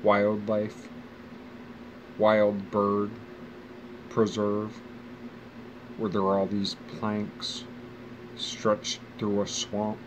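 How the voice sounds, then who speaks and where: A man in his forties, a vlogger, rambles casually about his life while outdoors near a bench. His voice sits on the low side, and his musings come out wry and profane over some background noise.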